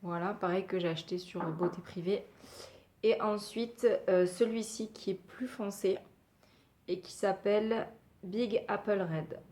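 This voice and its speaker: A woman's voice: mid-range voice, steady tone, a little slow, dark tone. Chatty woman reviewing nail polish. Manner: chatty, hesitant, many fillers. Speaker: beauty vlogger. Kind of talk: casual product review.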